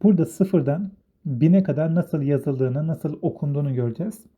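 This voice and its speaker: A man explaining a beginner English lesson, going slowly and step by step and repeating each word in two languages. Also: fairly high pitch, dark tone, husky. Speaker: English teacher. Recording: tinny phone-like sound.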